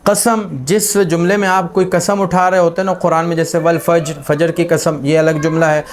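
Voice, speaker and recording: A man's voice: on the high side, level tone. A man teaching a grammar lesson, explaining patiently with many examples and fillers. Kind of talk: spoken lesson on Arabic grammar.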